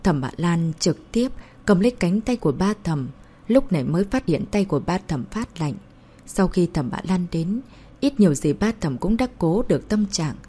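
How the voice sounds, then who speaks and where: A woman narrating a novel as an audiobook in a steady storytelling manner. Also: lowish voice, moderate pace, husky.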